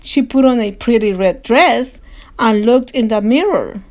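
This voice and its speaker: A woman reading a children's story aloud as a storyteller, in an expressive, deliberate manner. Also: a little high, no room sound.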